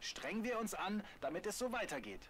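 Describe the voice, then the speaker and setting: A man voicing a calm race engineer who gives short, encouraging instructions over team radio. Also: high voice, brisk, a loud crowd.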